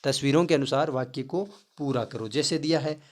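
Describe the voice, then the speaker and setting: A man teaching English grammar in Hindi, asking questions and answering them himself, and slowly spelling out English words. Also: medium pitch. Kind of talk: classroom-style grammar lesson.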